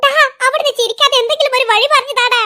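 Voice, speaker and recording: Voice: extremely high pitch, steady tone, fast, pushed and bright, heavily acted. Ikru, a whiny cartoon boy. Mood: annoyed. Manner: whiny, indignant, pleading. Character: hapless boy who lost his trousers. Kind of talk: cartoon voice acting.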